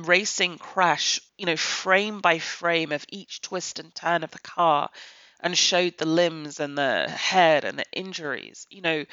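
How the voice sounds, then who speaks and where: A woman's voice: low-pitched, a bit bright, no room sound. A woman giving a blunt, opinionated film review on a podcast. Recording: slightly dull, dry podcast audio.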